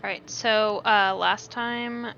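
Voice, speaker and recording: A woman's voice: medium pitch, steady tone, slow pace, vocal fry, sharp tone, highs cut off, slight background noise. A woman giving casual, chatty gameplay commentary as she hosts her own playthrough. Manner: chatty, reads choices aloud. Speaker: gamer, playthrough host.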